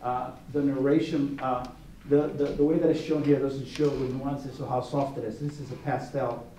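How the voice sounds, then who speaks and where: A man's voice: mid-range voice, steady tone, moderate pace, warm tone. Rambling man giving a roomy gallery talk. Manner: rambling, many restarts and asides, anecdotal. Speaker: art competition juror giving a gallery talk. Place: art gallery. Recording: roomy echo, distant mic, faint noise.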